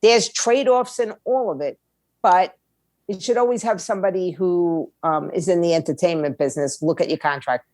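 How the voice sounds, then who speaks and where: This interview guest, a music label owner and attorney, gives blunt, opinionated conversational answers in short, emphatic bursts. She has a lowish, darkish voice at normal speed. The recording has no echo.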